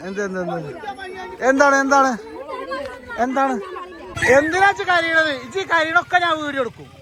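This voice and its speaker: A man with a Malappuram Malayalam accent, vlogging outdoors at a family gathering and loudly ordering and teasing his relatives. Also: extremely high pitch, normal speed. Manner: loud, bossy and teasing, calling out orders. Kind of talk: casual vlog, herding relatives. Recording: busy crowd noise behind.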